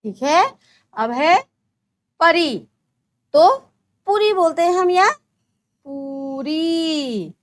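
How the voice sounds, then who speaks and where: Lively high-voiced woman teacher. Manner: sing-song, stretches single words slowly for young children. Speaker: primary school teacher. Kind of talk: children's lesson.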